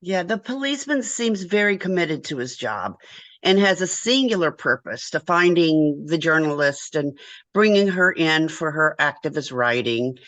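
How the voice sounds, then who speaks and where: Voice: mid-range voice, lively intonation, moderate pace, fairly bright tone, no echo. An interviewer asking long, prepared questions about a film, stumbling now and then.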